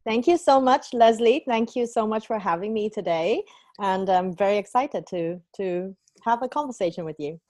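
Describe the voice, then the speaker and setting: A woman's voice: medium pitch, expressive, normal speed, darkish tone, no echo. Middle-aged woman, from Hong Kong, interview guest, cheerful, hesitant, dry sound. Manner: cheerful, laughing, with many hesitations. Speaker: guest, company founder. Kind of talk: podcast interview.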